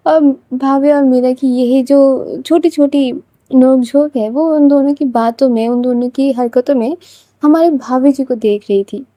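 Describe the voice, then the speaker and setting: A woman's voice: sits high, moderate pace, warm tone, no echo. A woman storyteller who narrates a serialized story in a casual, chatty way and talks straight to her listeners.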